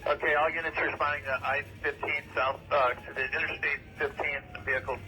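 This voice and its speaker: A man's voice: on the high side, slight background noise, rough recording. Man reporting over an emergency radio. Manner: steady, clipped reporting with filled pauses. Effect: two-way emergency radio transmission. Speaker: firefighter radioing from an incident scene. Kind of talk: terse radio dispatch report.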